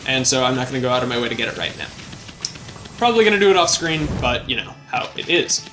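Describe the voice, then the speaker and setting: A young let's play host with a mid-range, expressive voice talks fast over game music while commenting on his playthrough. He's chatty and self-deprecating, full of bouncy exclamations.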